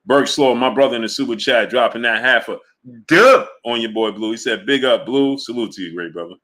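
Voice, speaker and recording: Bright-voiced man hosting a casual live stream. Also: mid-range voice, fairly quick. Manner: animated storytelling, reads super chats, laughs often. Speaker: sports channel host.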